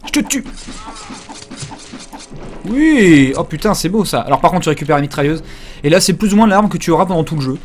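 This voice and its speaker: A game streamer gives rambling, crude live commentary while he plays, joking constantly and using lots of fillers. His voice is fairly high and he talks at a racing speed.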